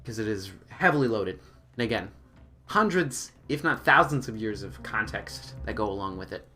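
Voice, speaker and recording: A man's voice: on the low side, lively intonation, normal speed, sharp tone, soft background music. A man doing casual, slangy live commentary on a video game, chatting to viewers and talking to himself and the game's characters.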